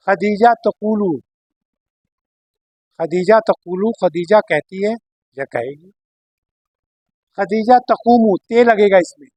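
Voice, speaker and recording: Man, high pitch, dry close sound; patient grammar teacher who repeats each form slowly. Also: dry recording. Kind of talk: Arabic grammar lesson.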